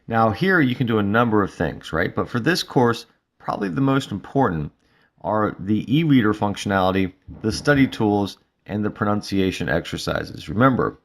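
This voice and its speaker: A male instructor giving a relaxed, casual walkthrough of a mobile study app, with frequent fillers. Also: on the low side, gravelly. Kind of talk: screen-recorded app tutorial.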